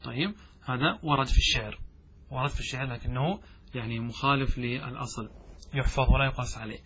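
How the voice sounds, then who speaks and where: A man teaching a grammar lesson who poses questions to his students and answers them himself, chanting verses slowly. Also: medium pitch, fairly bright tone, slight background noise. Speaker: sheikh teaching Arabic grammar. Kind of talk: classroom lesson explaining verse.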